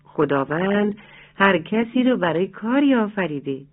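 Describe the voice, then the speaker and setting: A storyteller voicing a calm, patient father rooster who gently explains things to his chick in a bedtime story. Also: medium pitch, natural voice. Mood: gentle, teaching. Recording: tinny phone-like lo-fi sound.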